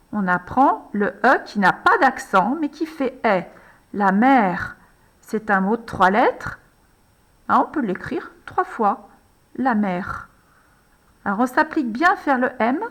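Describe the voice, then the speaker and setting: A woman slowly and patiently guiding a young child through a handwriting lesson, one letter and one word at a time. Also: a little high, fairly bright tone. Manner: patient, addresses the child as tu, frequent "alors" and "hein". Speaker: handwriting teacher.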